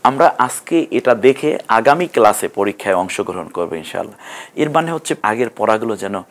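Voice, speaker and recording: Man teaching a tv reading class, calm and patient, drags out the sounds slow. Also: lowish voice. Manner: slow, drawn-out syllable-by-syllable sounding out; patient, explanatory. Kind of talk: TV classroom lesson.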